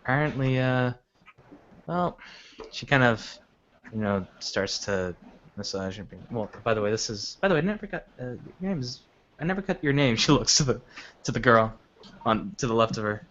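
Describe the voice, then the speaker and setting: A man's voice: mid-range voice, expressive, normal speed, fairly bright tone. A man narrating his character in a tabletop game, rambling with restarts. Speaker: tabletop player. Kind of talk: casual role-play chat. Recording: dull lo-fi sound with faint noise.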